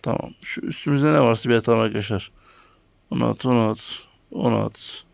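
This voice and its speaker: A gaming channel host gives casual commentary on his own game, speaking to viewers and grousing about lag. He talks briskly in a mid-range voice with vocal fry, and the recording has no room sound.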